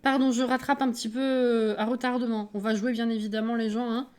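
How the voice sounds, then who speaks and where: A woman with a French accent, streaming live and chatting casually with her viewers, self-mocking and quick to laugh. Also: a little high, little pitch movement, darkish tone, clean tone.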